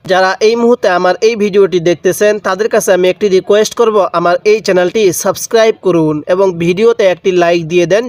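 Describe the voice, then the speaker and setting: A man with a Bangladeshi Bengali accent gives a step-by-step Quran reading lesson, slowly spelling each letter and stretching vowels in long drawn-out readings. He sits high in pitch, the recording has no room sound, and he asks the viewer questions that he answers himself.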